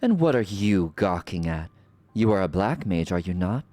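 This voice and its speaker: A man voicing a haughty, mocking ancient sorceress from a game, speaking in slow theatrical villain menace. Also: deep voice, very animated, warm tone, dry recording, faint music behind. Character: haughty sardonic ancient sorceress villain, memory manifested, woman. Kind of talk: reading game dialogue aloud in character.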